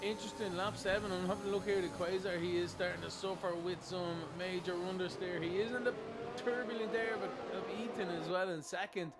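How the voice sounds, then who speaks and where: High-pitched male motorsport commentator over engine noise. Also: fairly quick. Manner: motorsport commentator delivery, building excitement on moves. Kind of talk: live esports racing race commentary.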